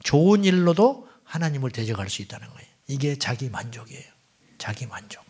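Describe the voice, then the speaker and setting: A man's voice: mid-range voice, big pitch swings, brisk, slightly rough. A middle-aged male pastor giving a Friday night sermon, firing rhetorical questions at the congregation and dropping at times to near whispers. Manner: swings between loud exclamations and near-whispered asides. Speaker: senior pastor.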